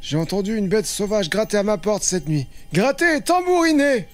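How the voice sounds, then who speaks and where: A man playing a sneering, shrill interim mayor. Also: lively intonation, normal speed, faint music behind. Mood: grave. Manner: condescending, sarcastic. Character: sneering interim male mayor, scornful uncle. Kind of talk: live improvised audio drama.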